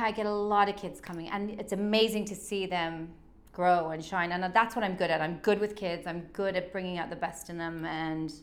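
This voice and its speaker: A woman who teaches children drama, chatting casually and enthusiastically as an interview guest. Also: lowish voice. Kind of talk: casual chat.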